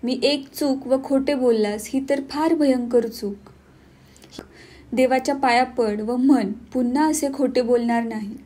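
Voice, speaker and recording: Woman reading a strict but loving village mom, firm scolding tone, higher mellow voice, audiobook. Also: a little slow. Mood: stern reproach. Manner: firm, reproachful.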